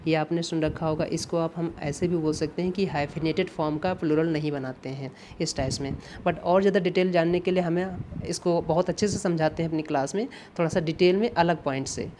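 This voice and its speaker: A man gives an exam-prep English grammar lesson with patience, repeating points and frequently checking in with "ठीक है" and "है ना". He reads English example sentences slowly and deliberately in a warm, fairly high voice, with a little hiss or hum in the audio.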